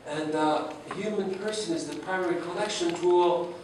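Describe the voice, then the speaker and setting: A man's voice: sits high, moderate pace, darkish tone, a little hiss or hum. A man whose first language is French gives a humorous academic lecture and keeps asking his audience rhetorical questions. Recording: echoey hall, distant mic, faint ambience.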